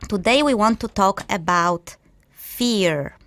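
A woman's voice: mid-range voice, animated, takes it slowly, fairly bright tone, dry recording. A young woman co-hosting a live radio show, chatting and teasing with many fillers. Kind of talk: casual live radio chat. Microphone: studio microphone.

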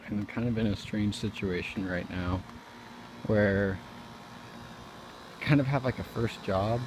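A man talking casually and reflectively in a low-key way, as a vlogger walking outdoors at night. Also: measured pace. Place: outdoors on a residential street at night. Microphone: handheld camera or phone mic while walking. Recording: faint outdoor ambient noise, handheld camera.

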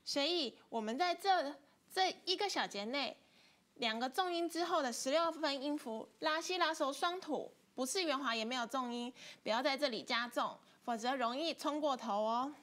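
A woman's voice: sits high, moderate pace, a bit bright. A woman teaching an online flute class, patiently explaining technique step by step. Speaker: music teacher. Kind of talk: online instrument lesson.

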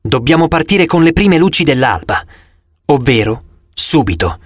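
Male narrator playing a grave huntress leader, measured and stern, dry close sound, storybook. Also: a little high, sing-song, no room sound. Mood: firm. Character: stern young huntress leader, old-fashioned speech.

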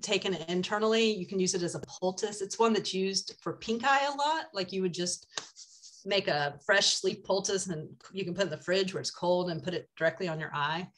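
A woman's voice: medium pitch, fairly quick, a bit bright. An older woman guiding a foraging talk in a chatty, enthusiastic way with many ums, speaking over a webcam from an indoor room. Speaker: foraging guide. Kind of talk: casual presentation over slides. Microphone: webcam on a video call.

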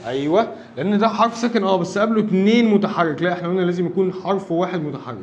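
A man with an Egyptian Arabic accent teaches an English grammar lesson, explaining each rule step by step. He talks fast in a fairly high voice. He keeps asking short questions to make sure his students are following. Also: lo-fi sound, a little hiss or hum. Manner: explains step by step, often checking understanding with quick questions.

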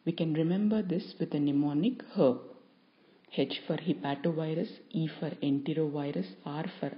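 A woman with a notably low voice gives a recorded lecture to students. She speaks in a measured, explanatory way and leans on key terms. The sound is dull and a bit lo-fi.

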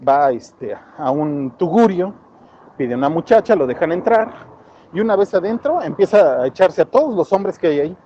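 Animated Mexican man recapping a film. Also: on the high side, moderate pace. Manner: animated storytelling, chuckles often, acts out quotes. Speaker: film reviewer. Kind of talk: casual movie recap. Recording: dull lo-fi recording with faint background noise.

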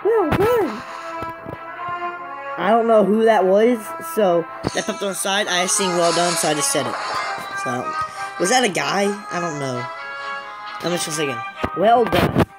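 A woman casually commenting while playing a mobile game, excitable, breaking into sudden high exclamations. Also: moderate pace, low-quality recording. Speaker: game player. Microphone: phone screen recording. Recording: loud game music under voice.

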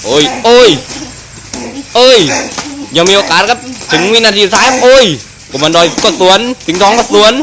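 High-pitched man giving excited boxing commentary, noisy recording. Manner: exclamatory, repeats phrases rapidly. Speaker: Muay Thai ringside commentator and announcer. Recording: noisy live event recording.

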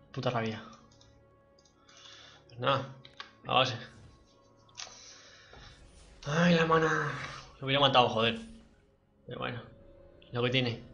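A man comments on his game live, excitable and cursing freely at himself and his teammates. His voice is bright and forceful. The stream audio is dull and lo-fi. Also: medium pitch, vocal fry. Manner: excitable, swears a lot, talks to himself and teammates. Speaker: livestreaming gamer.

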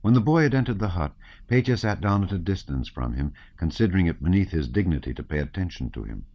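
A man narrating an audiobook in an expressive, varied reading, in a dull lo-fi recording. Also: low voice, fast. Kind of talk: scripted narration.

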